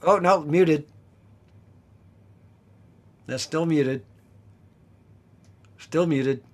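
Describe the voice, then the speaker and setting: A man's voice: on the high side, very slow. A man hosting an online open mic, bantering in a friendly, joking way over a video call. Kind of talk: casual chat on a video call.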